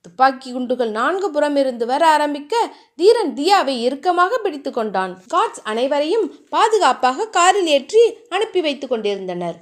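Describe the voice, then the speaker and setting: A young woman reads a novel aloud with a high, clear voice. Her storybook narration is steady and dramatic. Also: normal speed.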